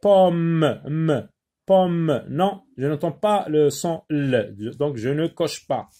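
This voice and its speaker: A man teaching a phonics lesson to young children, repeating words slowly and hesitating often. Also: fairly high pitch, animated, mellow. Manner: slow and deliberate, repeats words and syllables; frequent hesitations with euh.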